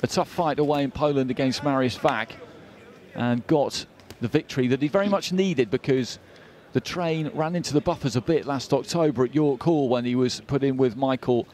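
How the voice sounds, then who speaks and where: A man giving live boxing commentary in a measured, analytical way, filling in background as he follows the action. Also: medium pitch, darkish tone.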